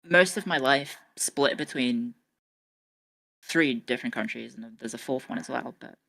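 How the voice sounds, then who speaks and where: Low, bright-toned woman with a mixed accent. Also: a little slow, creaky. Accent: mixed, slightly English. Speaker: guest streamer. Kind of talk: casual stream chat.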